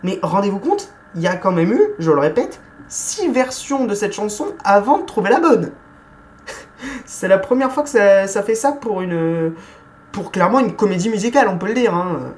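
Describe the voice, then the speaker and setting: A woman giving a casual film review, chatty and hesitant, often pausing with fillers and correcting herself. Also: mid-range voice, expressive, a little mellow.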